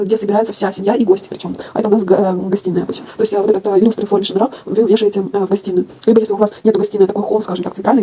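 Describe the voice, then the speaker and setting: Woman teaching online, really fast, kinda husky and quiet, slushy sh-like lisp on her s, thinks out loud. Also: mid-range voice. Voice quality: slushy lisp from a broken tooth. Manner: halting, thinking aloud with self-corrections. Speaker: online lecturer. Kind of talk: informal lecture, explaining pictures.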